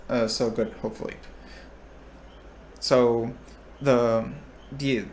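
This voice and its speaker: A little hiss or hum sits under this clip of a young man explaining probability as a recitation instructor. His voice is mid-range, and he thinks aloud, restarts, and keeps checking in with the students.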